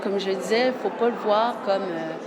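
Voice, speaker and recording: A woman from Quebec in her thirties, a journalist with a Québécois French accent, speaks earnestly as a guest in casual interview talk. She restarts her phrases often, using a mid-range voice at normal speed, with noise in the background.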